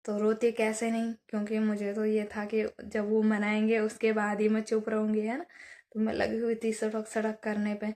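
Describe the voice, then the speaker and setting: A woman's voice: medium pitch, a little mellow. A young woman vlogger telling a childhood story in a chatty, casual way, often adding little asides. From Uttarakhand hills. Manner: chatty, many fillers and "है ना" asides.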